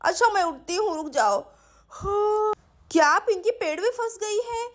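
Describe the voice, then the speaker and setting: A woman's voice: extremely high pitch, animated, measured pace. A woman voicing a sleepy mother in a doll-play story, drowsy and mildly scolding.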